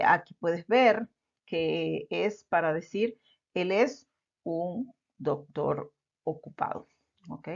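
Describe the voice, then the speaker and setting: A woman teaching an English lesson patiently, repeating example words and checking in with "all right?". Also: deep voice. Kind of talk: slow explanatory lesson. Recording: dull lo-fi recording.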